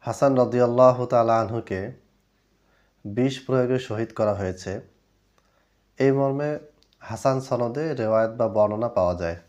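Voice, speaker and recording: A man giving an explanatory religious lecture as an Islamic scholar, reading out Arabic texts and then translating them in a measured way. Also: mid-range voice, a little mellow, dull audio.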